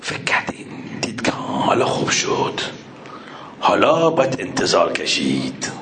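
A male preacher telling a religious story in a sermon, asking the audience questions, acting out the dialogue and dropping to a low murmur. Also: very noisy. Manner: animated, acts out dialogue in raised voices, then drops to a low murmur; asks the audience questions and answers himself.

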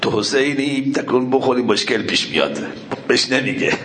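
A male preacher telling a religious story in a sermon, asking the audience questions, acting out the dialogue and dropping to a low murmur. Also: slight background noise. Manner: animated, acts out dialogue in raised voices, then drops to a low murmur; asks the audience questions and answers himself.

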